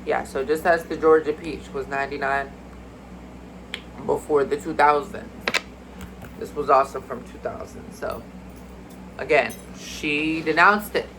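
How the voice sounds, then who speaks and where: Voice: mid-range voice, steady tone, unhurried, pauses often, fairly bright tone, a little hiss or hum, rough recording. Chatty spiritual card reader, meandering and mystical, middling voice, kinda congested. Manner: chatty, addresses viewers as y'all. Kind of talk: casual spiritual card reading to camera.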